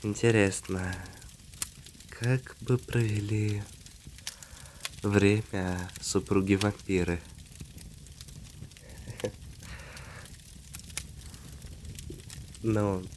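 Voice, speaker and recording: A man plays a gentle half-vampire husband in an intimate ASMR role-play. His low voice stays very even and unhurried, with hesitant pauses as he tenderly addresses his beloved. Faint ambience sits behind him. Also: a little hiss or hum. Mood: tender, reflective.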